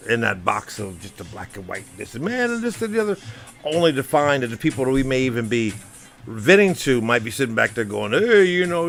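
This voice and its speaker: A man's voice: mid-range voice, a bit bright. Rambling American man over faint music. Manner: rambling, many "you know" fillers. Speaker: vlogger. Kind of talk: casual spoken commentary. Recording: faint background music under voice. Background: faint background music.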